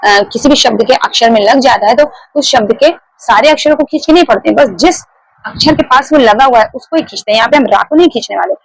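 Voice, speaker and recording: A woman's voice: a little high, quick pace, creaky, no room sound, rough recording. A woman teaching a grammar lesson, explaining step by step, repeating key points and putting questions to her students. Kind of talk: classroom lecture.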